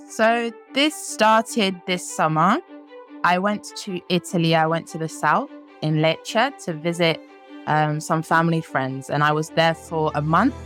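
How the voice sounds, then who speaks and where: A nineteen-year-old Frenchwoman, a native French speaker, chats casually as a podcast guest in an interview, laughing often and saying um a lot. Her voice is fairly low in pitch with a fairly bright tone.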